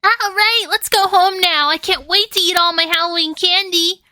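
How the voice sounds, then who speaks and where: A woman voicing a sweet, excitable young girl in a storybook, with a squeaky, kitten-like voice and a gushing manner. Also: moderate pace, no room sound, full character voice. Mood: happy.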